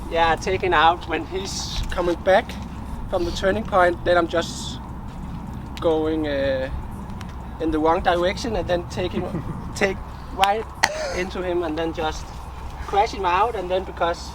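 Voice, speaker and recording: A man's voice: high voice, steady tone, a little slow. A man bantering playfully with laughing bravado about a race. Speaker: fellow triathlete. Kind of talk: joking banter. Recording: outdoor traffic noise, off-mic.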